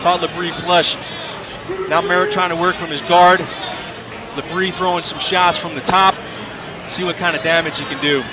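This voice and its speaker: A play-by-play commentator calls an MMA fight live at the venue, describing the action conversationally. His voice sits high with fairly even intonation at normal speed and long pauses, caught on a distant mic under loud music and crowd noise.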